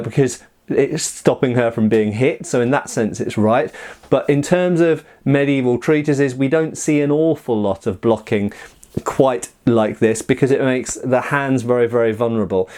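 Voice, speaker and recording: With a darkish, mid-range voice, a male host comments on martial arts in a conversational review. His explanations of technique carry firm opinions and emphatic asides.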